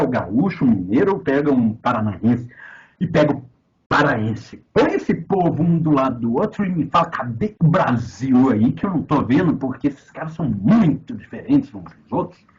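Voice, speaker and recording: A man from Brazil with a Minas Gerais accent, lecturing on philosophy in a sarcastic, profane way, with loud outbursts and quiet asides. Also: medium pitch, very animated, moderate pace, highs cut off. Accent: Minas Gerais Portuguese. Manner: sarcastic, swearing, swings from loud outbursts to mutters. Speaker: philosophy teacher. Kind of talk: lecture commentary on a text.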